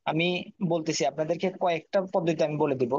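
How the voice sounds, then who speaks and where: A man teaching Quran reading, spelling out each letter and syllable slowly and methodically before blending them. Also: on the high side, steady tone, darkish tone, slightly rough. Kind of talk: spelling-out recitation lesson. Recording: dry, dull lo-fi sound.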